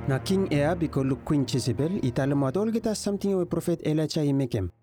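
A man's voice: on the high side, animated, fast. A man with a Vanuatu Melanesian pidgin accent, narrating a scripted Bible story. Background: music.

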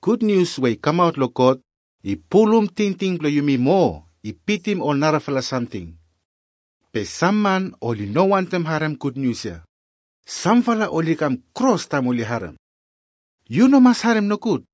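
A man's voice: a little high, sing-song, normal speed, a little mellow, no room sound, studio quality. A man with a Melanesian Pidgin accent, narrating a scripted Bible lesson as its presenter.

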